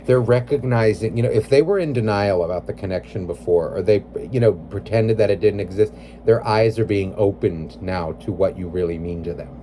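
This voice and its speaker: A man's voice: on the low side, brisk, mellow, a little hiss or hum. A man giving a casual tarot reading, rambling with many "like"s and "you know"s, blunt and emotionally invested. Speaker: tarot reader.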